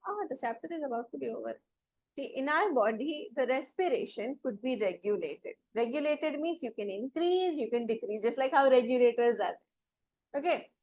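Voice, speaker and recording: A woman's voice: high-pitched, highs cut off. A woman teacher giving a classroom lecture, explaining step by step and often checking that students follow. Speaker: biology teacher.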